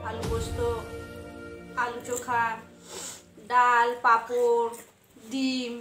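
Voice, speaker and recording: A woman's voice: fairly high pitch, monotone, slow pace, fairly bright tone, reverberant, distant mic, soft background music. A woman hosting an eating show, talking while chewing as she lists foods in short phrases. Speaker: host of an eating show channel. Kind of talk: casual eating-show chat.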